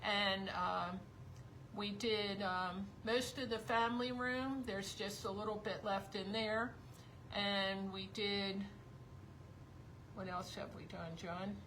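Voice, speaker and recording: A woman's voice: mid-range voice, steady tone, slow, a bit bright, slight background noise, poor audio. A woman co-hosting a casual live craft stream from a basement room. She rambles in a chatty way, teases her husband, and her voice is slightly giving out. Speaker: craft show co-host. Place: basement tavern room of a house.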